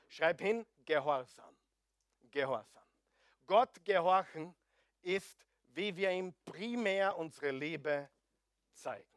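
A middle-aged man preaching a sermon, joking with the congregation and swinging between loud emphasis and hushed asides. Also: sits high, no echo, clean studio sound. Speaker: pastor.

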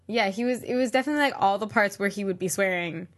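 A woman's voice: medium pitch, fast talker. A woman co-hosting a podcast in casual chat, rambling with lots of fillers and laughs. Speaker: podcast co-host.

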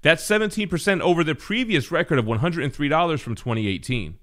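Higher-pitched male countdown co-host. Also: lively intonation, fast, a bit bright. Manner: casual, slangy presenter delivery. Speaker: co-host of comic book countdown show. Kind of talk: conversational top ten countdown commentary.

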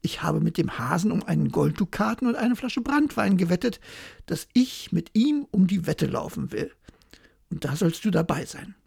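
A reader voicing a sly, bossy male hedgehog in a bedtime fairy tale, gruff and commanding, with a gravelly, husky voice. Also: medium pitch, very animated, moderate pace, a little mellow, no echo, studio quality, heavily acted.

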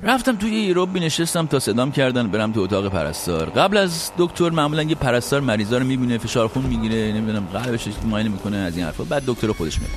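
A man hosting a show, telling a funny personal story in a lively monologue and acting out the dialogue. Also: medium pitch, hardly any pauses, over music. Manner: animated, acts out quoted dialogue. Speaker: show host.

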